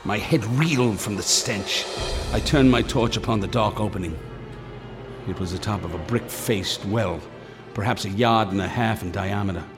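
An actor narrates a gothic horror radio drama as a haunted, grave gentleman investigator recounting his descent into madness, using formal, theatrical language broken by halting dramatic pauses. His voice is lowish and creaky, the mood is grim dread, and music plays behind him.

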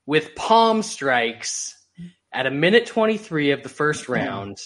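A man's voice: on the high side, big pitch swings, slow, fairly bright tone. A man co-hosting a casual sports podcast, making jokey points and laughing through them. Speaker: podcast co-host.

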